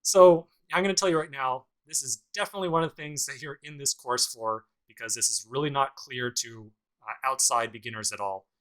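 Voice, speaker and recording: The rough recording carries a man's mid-range, fairly bright voice moving a little fast. He's a programming instructor giving a casual screencast tutorial, explaining every step along with dry, sarcastic remarks.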